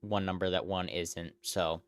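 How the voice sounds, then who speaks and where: American man commentating live results, slightly low, clear voice. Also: little pitch movement, no echo. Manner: halting, often repeats himself, reels off figures and place names. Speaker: election night live stream host.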